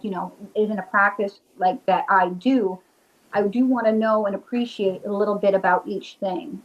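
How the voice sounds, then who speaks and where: Lo-fi sound carries a mid-range female voice with a Rhode Island accent. As a guest in a casual video-call interview, this witch and paranormal investigator chats eagerly and loosely, filling her talk with "like."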